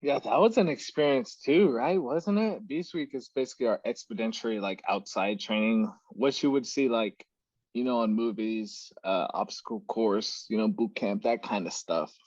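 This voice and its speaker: A man's voice: mid-range voice, moderate pace, breathy edge, no room sound, dull audio. A young man hosting a podcast, telling stories in casual chat and acting out what others said. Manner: animated storyteller who acts out quoted shouts and laughs mid-story. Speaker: podcast host.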